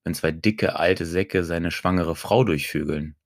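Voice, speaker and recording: A man reading an audiobook story, voicing a fat, domineering old stranger in a low murmur. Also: unhurried, dry recording, studio quality. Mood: commanding.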